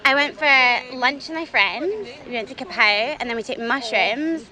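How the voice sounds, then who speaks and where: A chatty, expressive woman from the west of Ireland, talking casually as she is interviewed. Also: sits high, moderate pace, a crowd in the background. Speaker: passer-by being interviewed. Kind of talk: casual chat. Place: outdoors in a city park.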